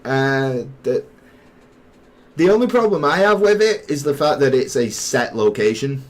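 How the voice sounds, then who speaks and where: A man's voice: medium pitch, very animated. A young British man hosting a podcast in casual chat, reading from the live chat and often restarting his sentences. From Britain. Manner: rambling, reads slowly with restarts. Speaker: podcast host.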